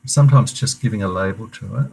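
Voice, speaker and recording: A man leading an online meditation class, speaking gently and haltingly, with many fillers and restarts. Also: fairly low pitch, vocal fry, low-quality recording. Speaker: meditation teacher. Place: room at a meditation centre.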